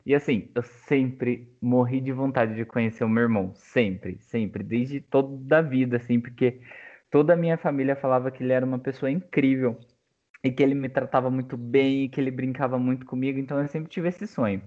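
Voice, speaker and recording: A young man chatting casually and telling a personal story in an emotional, halting way, full of fillers. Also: mid-range voice, steady tone, a little mellow. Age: young adult. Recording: tinny phone-like audio.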